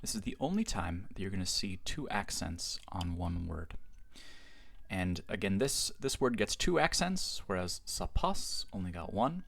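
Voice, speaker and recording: A man teaching a recorded grammar lesson in a measured, explanatory way, reading each example form slowly. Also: low-pitched, sing-song, vocal fry, a bit bright. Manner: measured, explanatory, reads Greek forms slowly. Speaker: Greek teacher.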